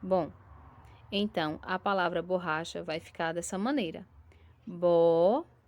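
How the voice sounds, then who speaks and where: A woman's voice: lowish voice, steady tone, normal speed. A woman teacher with a Brazilian Portuguese accent giving a recorded lesson to young pupils, patiently stretching out syllables and checking in with frequent tag questions. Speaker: primary school teacher.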